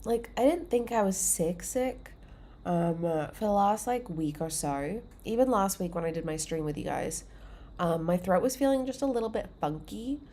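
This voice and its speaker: A woman with a warm, mid-range voice chats on her own livestream, animated and at a normal speed. She's upbeat and filler-heavy despite being a bit congested and unwell.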